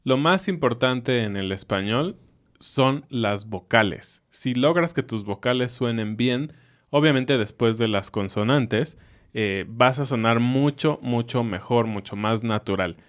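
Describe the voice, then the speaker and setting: A man's voice: medium pitch, a little slow. A man co-hosting a language podcast, explaining in casual teaching chat and repeating example words with emphasis. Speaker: podcast co-host.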